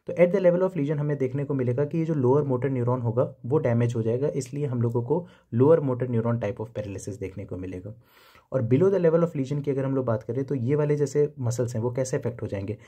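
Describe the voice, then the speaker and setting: A man's voice: medium pitch, warm tone, husky. A young man teaching physiology in a recorded video lecture, explaining step by step and repeating key terms.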